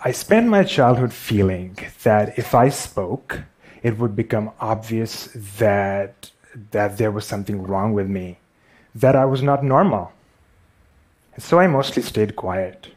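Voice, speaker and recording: A man's voice: fairly low pitch, animated, a little slow, darkish tone. A man with a Pakistani accent giving a storytelling talk on stage, wry and self-deprecating.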